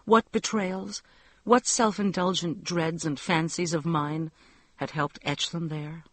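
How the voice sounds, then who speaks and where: High-voiced male audiobook narrator. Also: fairly even intonation, slow pace, no echo. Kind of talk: first-person novel narration.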